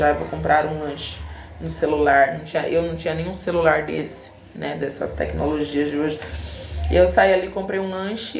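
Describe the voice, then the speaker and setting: A woman's voice: low voice, vocal fry, a little hiss or hum. A Brazilian woman in her forties from São Paulo telling a personal story in a casual, emotional and reflective way, acting out the dialogue. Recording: echoey room.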